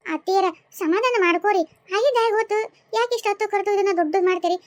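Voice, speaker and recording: Cheeky young cartoon bride, smug and teasing, north karnataka accent, high and dry. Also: female voice, fast talker, no echo. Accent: North Karnataka Kannada. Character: cheeky young daughter-in-law, sly and cool.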